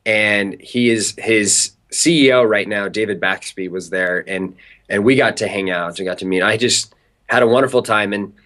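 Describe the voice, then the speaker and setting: With a voice on the low side and a normal speed, a young man from Southern California shares an animated story as an interview guest. His delivery is conversational and filled with filler words.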